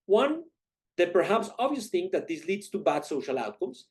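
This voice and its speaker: A man's voice: high voice, big pitch swings, moderate pace, darkish tone. A man from Colombia, giving a university lecture as a guest economist, methodically posing questions and then answering them.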